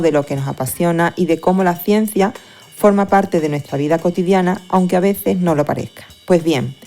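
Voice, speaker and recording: Casting: woman podcast host, low and mellow, chatty interviewer, faint music behind.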